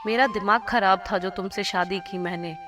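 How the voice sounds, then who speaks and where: A woman's voice: mid-range voice, steady tone, moderate pace, distant mic, noisy background, close to an everyday voice. A woman voicing an irritated young husband in a cartoon story, scolding his wife. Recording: cartoon voice over loud music.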